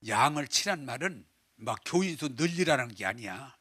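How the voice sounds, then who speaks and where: A man's voice: medium pitch, expressive, normal speed, sharp tone, slightly rough, no room sound. A middle-aged male pastor preaching a sermon, telling the story with animation, acting out the dialogue and putting questions to the congregation. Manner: asks the congregation questions and leads them in repeating.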